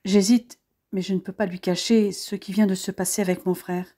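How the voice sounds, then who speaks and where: A woman reading a romance novel aloud in first person, calm and intimate. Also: mid-range voice, moderate pace. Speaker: audiobook reader.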